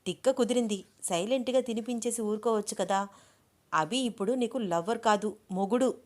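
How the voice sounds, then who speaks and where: A woman's voice: fairly high pitch, brisk, darkish tone, voice pushed up, lightly acted. A woman reading a romance story aloud, voicing a cheerful elder sister who teases and reassures her younger sibling. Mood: teasing. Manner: teasing, light-hearted.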